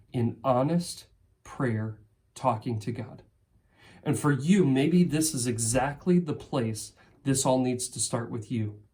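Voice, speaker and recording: Earnest preaching man, mid-pitched. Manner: earnest, rising to intense emphasis then dropping soft; acts out heartfelt prayers in first person. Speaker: pastor. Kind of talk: sermon.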